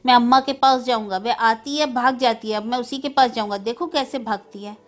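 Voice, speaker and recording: A grieving little boy begs again and again to be taken to his mother, as a woman reader puts him on. The voice sits high and keeps pleading. Soft music runs faintly underneath. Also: fairly even intonation, a little fast, close to an everyday voice. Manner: pleading, insistent.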